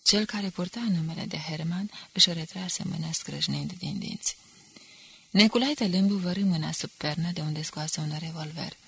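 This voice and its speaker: A woman reading a novel aloud as an audiobook narrator, in a measured, even way. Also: low voice, slightly rough, no room sound. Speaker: audiobook reader.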